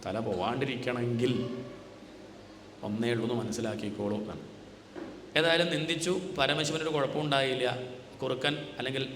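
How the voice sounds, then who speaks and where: A man giving a religious discourse as a spiritual teacher, asking rhetorical questions and answering them himself, now and then chanting verses slowly. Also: mid-range voice, a bit bright. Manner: chants scripture lines slowly. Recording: echoey hall with faint noise.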